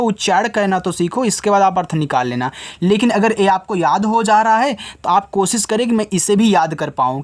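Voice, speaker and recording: Slow, patient Hindi-speaking male teacher. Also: high-pitched. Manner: spells out letters slowly, then repeats answers to own questions. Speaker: English teacher for children. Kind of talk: whiteboard phonics lesson.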